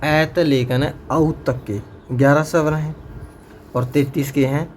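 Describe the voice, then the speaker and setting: A man's voice: on the high side, steady tone, takes it slowly. A male teacher, teaching a grammar lesson to a class and drilling his students with repeated questions. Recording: faint background noise.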